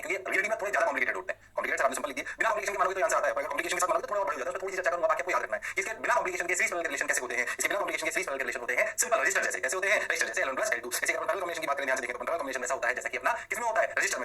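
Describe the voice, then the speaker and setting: A male physics teacher speeding through a recorded lecture at a very fast clip. His voice is bright and sharp with a husky edge and sits a bit high. He keeps throwing questions at his students as he works through the material. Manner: rapid, animated, fires questions at students.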